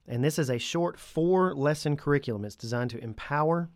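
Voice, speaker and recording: A man's voice: a little high, brisk, darkish tone, dry recording. A man with a stuffy nose hosting a podcast on his own, chatting casually and conversationally with lightly joking asides. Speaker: podcast host. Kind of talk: casual solo podcast talk.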